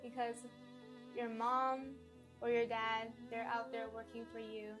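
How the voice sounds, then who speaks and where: A woman's voice: on the high side, flat delivery, measured pace, over music. A young female interviewee answering questions in a casual, chatty way.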